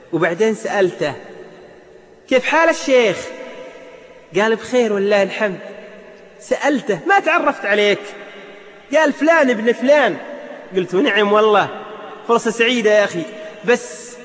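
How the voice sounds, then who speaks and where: Guy telling a religious tale, high voice, dramatic swoops, long reverb trailing behind. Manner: dramatic, emotive narration with sudden rises. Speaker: storyteller. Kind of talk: religious storytelling.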